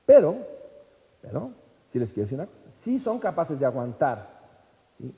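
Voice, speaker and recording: A stern, matter-of-fact devil, as a man puts him on while telling a joke, laying out the terms of a wager with the damned. The voice is low and mellow, and its pitch rises and falls freely. A long hall reverb trails every phrase. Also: huge pitch swings, normal speed. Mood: bargaining.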